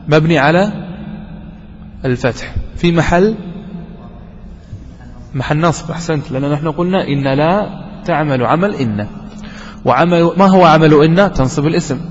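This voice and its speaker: A man's voice: a little high, a little hiss or hum. A man, a sheikh, explaining a grammar lesson, asking questions and answering them himself and repeating key words. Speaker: sheikh teaching Arabic grammar. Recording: dull lo-fi recording with long hall reverb.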